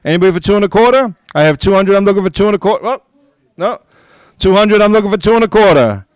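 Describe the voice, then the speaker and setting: A man with a high, smooth and resonant voice runs a live auction at a convention. He calls out bids rapidly, coaxing the room to raise the price. The sound is dry and close. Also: lively intonation, no echo. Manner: upbeat, coaxing, rapid-fire bid calls. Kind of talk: live auction bid calling. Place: gaming convention event.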